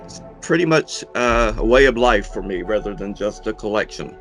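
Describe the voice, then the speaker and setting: A middle-aged man in a casual interview, talking in an unhurried, folksy way with dry humour, as a horror host. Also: lowish voice, lively intonation, fairly bright tone, soft background music. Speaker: horror host and monster museum owner being interviewed.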